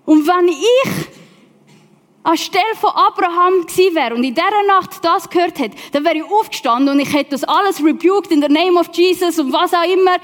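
A woman with a Swiss German accent preaching a sermon, telling the story with lively questions to her listeners. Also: very high voice, normal speed. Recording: long reverb of a large hall.

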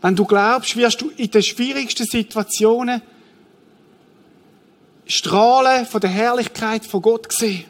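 Lively high-voiced preacher. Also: male voice, a little slow, pauses often. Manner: lively storytelling preacher, acts out the scene. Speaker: pastor. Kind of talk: sermon.

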